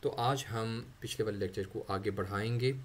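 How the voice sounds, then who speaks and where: A man teaching Quran recitation in Urdu with a Pakistani accent. He spells out letters and stretches each sample word slowly between quick explanations. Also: fairly low pitch, steady tone, a little hiss or hum. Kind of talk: tajweed lesson, spelling out letters and drawn-out recitation.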